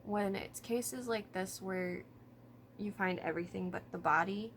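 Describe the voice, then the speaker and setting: A woman's voice: mid-range voice, measured pace, a bit bright, a little hiss or hum. A woman talking informally to camera about true crime, thinking aloud and hedging as she goes. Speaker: vlogger.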